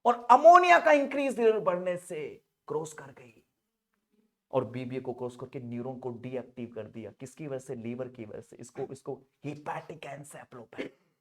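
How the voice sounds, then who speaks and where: A young man teaching nursing pharmacology in Hindi slang, joking and acting out little dialogues, often shouting. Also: medium pitch, moderate pace. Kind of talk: animated classroom lecture.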